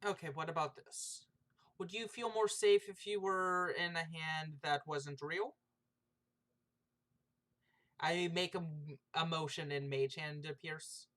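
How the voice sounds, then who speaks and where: An excitable tabletop player with a medium-pitched voice. The player talks in quick bursts, stammers and restarts, and slips into sarcasm. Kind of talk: tabletop game play.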